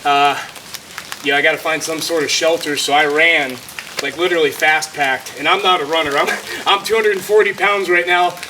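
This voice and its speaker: A man's voice: fairly high pitch, fairly even intonation, moderate pace. A man sheltering in a cave, telling a hiking story to camera with lots of fillers, his voice echoing off the rock. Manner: rambling, heavy on fillers. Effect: cave echo. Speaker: hiker filming a vlog. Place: shallow cave in the woods, sheltering from a thunderstorm. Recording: echoey cave, distant mic, loud rain noise. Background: heavy rain.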